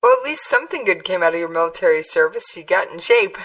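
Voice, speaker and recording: A woman's voice: on the low side, wildly swooping pitch, fast talker, fairly bright tone, distant mic. A woman interviewing someone in a casual, conversational way.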